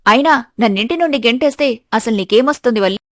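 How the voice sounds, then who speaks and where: A woman's voice: fairly high pitch, expressive, fast, a bit bright, no room sound, clean studio sound. A woman voicing an earnest, wronged young daughter-in-law in a storybook tale. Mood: defiant. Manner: earnest, pleading.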